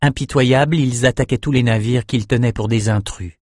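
A man narrating an audiobook in a steady, measured storytelling voice, close to the mic. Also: mid-range voice, no echo.

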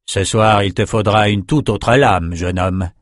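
A man's voice: fairly low pitch, a little slow, no echo, studio quality, close to an everyday voice. A man voicing a suspicious, falsely polite doorman in an audiobook. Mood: guarded. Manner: polite but guarded.

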